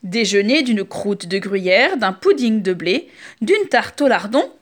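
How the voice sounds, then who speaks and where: A woman voicing a calm, kind man in a children's story, speaking lower and slowly.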